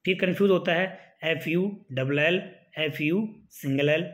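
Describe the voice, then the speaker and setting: A man's voice: a little high, measured pace. A male teacher giving an exam-prep spelling lesson, spelling words letter by letter and coaxing his students to remember them. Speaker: English teacher.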